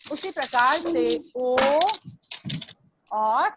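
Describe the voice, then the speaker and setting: High-voiced woman teaching a class. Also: extremely slow. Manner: repeats questions to drill students. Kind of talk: classroom grammar lesson. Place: classroom with blackboard. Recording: dull lo-fi recording with steady noise.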